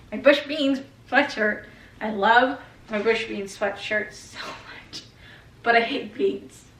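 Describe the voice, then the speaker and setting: Young female vlogger, casual and profane, higher voice, roomy off-mic sound. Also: bright, forceful tone, distant mic. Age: 20s. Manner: chatty, swears casually, trails off and restarts. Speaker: lifestyle vlogger. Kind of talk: casual vlog chat. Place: bedroom at home.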